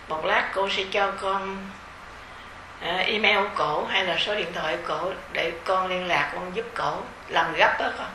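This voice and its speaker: A middle-aged woman with a Southern Vietnamese accent, a meditation teacher giving an informal dharma talk to retreat participants in a gentle, conversational way with soft fillers. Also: mid-range voice, roomy sound, noisy background.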